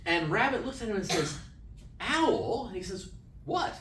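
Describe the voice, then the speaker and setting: A man speaking at a camp class, telling a story in a casual, animated way and often checking in with his listeners. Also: high voice, quick pace, slight background noise. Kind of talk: casual lesson talk. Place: room at a camp. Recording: echoey room, mic at a distance, faint ambience.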